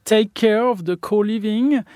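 A man's voice: high voice, measured pace, a little mellow, smooth, no echo. A man with a French accent, an architect answering interview questions and searching for his words in English.

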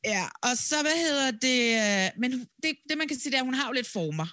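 A woman hosting a podcast in a chatty, easygoing way, quick to laugh. Her voice is high and bright with a lively, swooping melody, recorded dry and close. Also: dry recording. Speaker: podcast host. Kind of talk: casual podcast chat.

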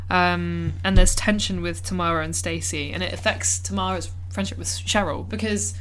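A woman's voice: fairly low pitch, steady tone, normal speed, a bit bright, slight background noise. A woman co-hosting a podcast, casually retelling a film's plot in a chatty way full of "like" and acted-out quotes. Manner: chatty, peppered with "like", acts out characters' lines. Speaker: podcast co-host. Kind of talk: casual film-review chat.

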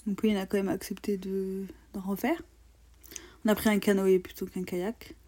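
A woman's voice: medium pitch, level tone, normal speed, mellow. A young woman co-hosting a travel podcast, telling the trip with teasing, sarcastic banter. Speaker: podcast co-host. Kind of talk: casual travel chat.

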